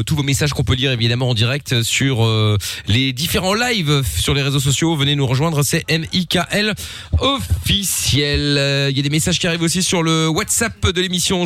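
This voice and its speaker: A man's voice: on the high side, brisk, a bit bright, no room sound. A man hosting a live evening radio show in an informal, chatty way. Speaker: radio host. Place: radio studio.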